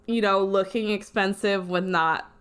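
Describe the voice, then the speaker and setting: A woman in her thirties co-hosting a podcast in casual chat, animated and filling her talk with "like". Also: mid-range voice, a little slow, background noise. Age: 30s. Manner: animated, talky, lots of "like". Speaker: podcast co-host.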